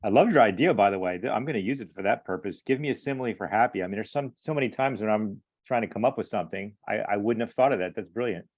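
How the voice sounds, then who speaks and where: A man's voice: on the low side, quick pace, few pauses, darkish tone, no echo. A man joining a casual discussion over a video call, easygoing and agreeable. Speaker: panel guest.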